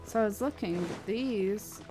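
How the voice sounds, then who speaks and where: With game music in the background, a woman streams gameplay and chats casually, rambling as she thinks aloud. Her voice is mid-range and her pace a little slow.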